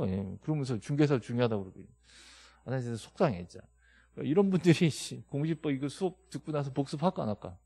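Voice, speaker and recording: A man's voice: medium pitch, creaky, darkish tone, husky. A middle-aged man lecturing a classroom on property law, scolding and joking with his students and firing rhetorical questions at them. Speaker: real estate law instructor.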